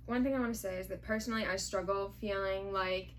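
A woman's voice: medium pitch, steady tone, quick pace, a little hiss or hum, low-quality recording. A young woman in casual chat, talking reflectively and earnestly with plenty of "like" fillers.

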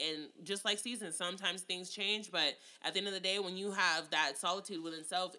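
Bright-voiced, profane woman ranting. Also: on the low side. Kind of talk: casual podcast chat.

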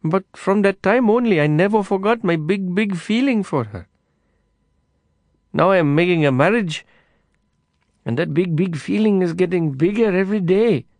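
In an audiobook, a man voices a small, kind-hearted Indian taxi driver, speaking Indian English with sing-song, childlike earnestness in a mood of earnest pleading. His high, bright voice rises above the narrator's, expressive at normal speed with long pauses. The recording is close and dry, with no room sound.

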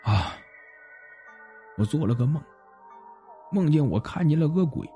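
A man voicing a kind, childless middle-aged lady, speaking in a lowered, earnest tone. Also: lively intonation, unhurried, mellow, slightly rough, faint music behind, heavily acted. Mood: uneasy.

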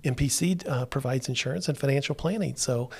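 A man's voice: medium pitch, vocal fry, a little mellow, a little hiss or hum. Podcast host, male, from Florida; easygoing chat with frequent "uh"s and restarts. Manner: unhurried, with many fillers and restarts. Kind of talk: casual talk-show chat.

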